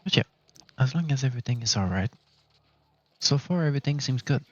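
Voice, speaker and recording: A man's voice: medium pitch, animated, fairly quick, lo-fi sound. A man with a Quebec French accent chatting casually to his stream while playing, with frequent restarts and self-corrections. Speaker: gaming streamer. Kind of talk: casual live-stream commentary.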